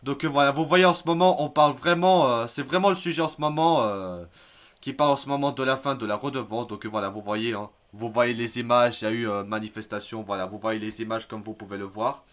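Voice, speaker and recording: A man giving casual spoken commentary on news articles, hesitant, filling pauses and restarting his sentences. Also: mid-range voice, fairly bright tone. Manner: hesitant, many fillers and restarts, admits stumbling over words. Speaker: YouTube news vlogger.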